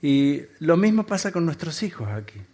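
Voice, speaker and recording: A man from Argentina, preaching a sermon in short phrases and pausing for an interpreter. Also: on the high side, very animated, warm tone. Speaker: guest preacher.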